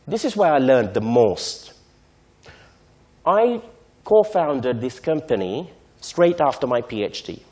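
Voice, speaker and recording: A man, lecturing to a conference audience in a mellow voice of middle pitch. He explains things step by step and keeps checking in with his listeners. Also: very animated. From Sri Lanka. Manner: measured, explanatory, often checks in with "right?". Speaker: invited speaker on technology transfer.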